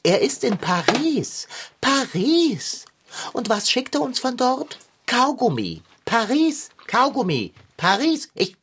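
Woman voicing a grumpy dramatic tomcat, husky, kinda low, big swoopy pompous whining, kids audio drama. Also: sing-song, measured pace, heavily acted. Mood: outraged. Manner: pompous, theatrical complaining. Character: fussy, dramatic, self-pitying male tomcat.

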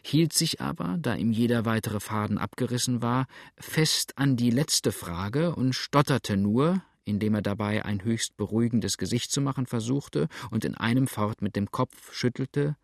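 A man reading a novel aloud in a measured, steady storytelling manner. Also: medium pitch, creaky, no echo, studio quality. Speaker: audiobook narrator. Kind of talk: scripted narration of a novel.

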